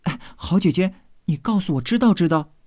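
A man reading aloud voices an eager young maidservant girl who chatters brightly and apologizes quickly, in a storybook reading. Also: high-pitched, expressive, no room sound, clean studio sound, voice pushed up.

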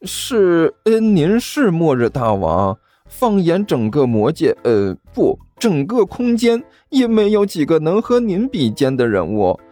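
A man voicing an excitable, stammering male low-rank demon servant who gushes about his idols. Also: unhurried, soft background music. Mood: eager. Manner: stammering, breathless and gushing.

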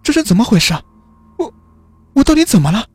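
A man's voice: sits high, big pitch swings, brisk, darkish tone, dry recording, voice pushed up. A man voicing a frightened young woman who pleads and panics. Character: frightened young woman bargaining for her soul.

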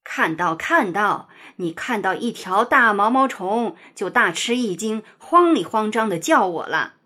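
A woman voicing a proud, earnest old male rooster in a children's storybook, speaking in a steady, lecturing way. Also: medium pitch, a little slow. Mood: teasing.

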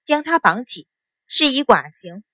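A woman's voice: sits high, big pitch swings, measured pace, sharp tone, no echo, studio quality, voice pushed up, exaggerated voice. A woman as an icy, imperious young noblewoman. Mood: cold. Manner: icy, commanding, scornful.

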